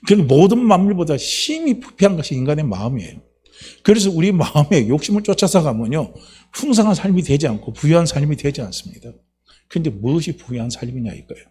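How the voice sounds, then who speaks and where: Husky-voiced male pastor preaching. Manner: emphatic, swings between hushed low lines and loud high exclamations. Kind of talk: sermon. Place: church sanctuary.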